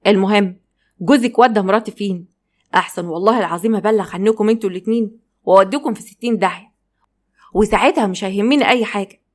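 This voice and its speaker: A woman with an Egyptian Arabic accent voicing a stern middle-aged father who scolds and threatens loudly. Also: medium pitch, fast, natural voice. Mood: scolding.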